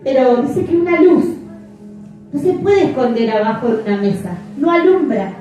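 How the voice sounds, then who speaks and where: A woman's voice: sits high, lively intonation, moderate pace, dark tone, muffled recording, faint music behind. A middle-aged woman pastor preaching a sermon, emphatic and repeating phrases for effect. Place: church. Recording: echoey church from far off.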